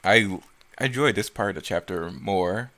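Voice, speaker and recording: Crowd noise sits behind a man with a deep voice talking at a moderate pace. He's a video creator doing loose, unscripted commentary, wandering off topic, stumbling, and correcting himself as he goes.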